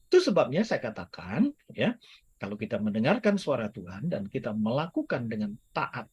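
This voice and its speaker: Heard through lo-fi sound, a guest speaker with a medium-pitched, somewhat mellow and husky voice preaches in a sing-song way at normal speed. His casual sermon teaches while joking with listeners and weaving in English phrases, in a church or online meeting.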